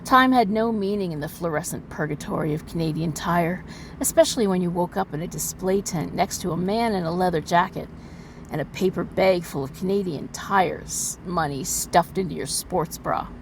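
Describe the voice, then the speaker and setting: A woman's voice: on the low side, a little hiss or hum, natural voice. A woman performing a sardonic noir romance heroine in a hammy, theatrical stage-actor manner for a melodramatic dramatic reading.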